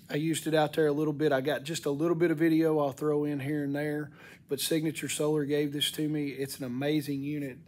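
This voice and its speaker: Give me a middle-aged man reviewing gear in his workshop, with a somewhat high voice for a man. He sounds stuffed up and his voice cracks. His delivery is casual, folksy and unscripted. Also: darkish tone. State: congested, voice cracking from sinus infection and allergies. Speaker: product reviewer. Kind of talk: casual unscripted product walk-through. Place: indoor wooden-shelved workshop.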